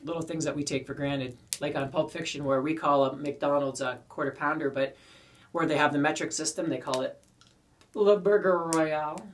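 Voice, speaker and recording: A man's voice: fairly high pitch, little pitch movement, fairly quick, fairly bright tone, a little hiss or hum. Canadian man chatting over his pipe, distant mic. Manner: talking while smoking a pipe. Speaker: pipe-smoking video creator. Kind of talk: casual rambling chat to viewers. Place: small wooden garden shed. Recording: distant mic, poor shed acoustics.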